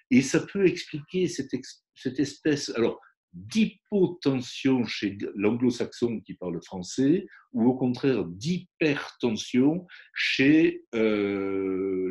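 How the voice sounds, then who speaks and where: A man's voice: mid-range voice, animated, slow, darkish tone. A man, a phonetics professor, explaining pronunciation teaching in an interview and demonstrating examples aloud.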